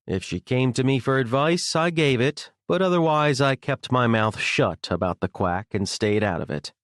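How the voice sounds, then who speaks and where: A man's voice: mid-range voice, expressive, moderate pace, fairly bright tone, no echo. A man narrating an audiobook in the first person with a wry, sardonic delivery, recorded on a close studio mic.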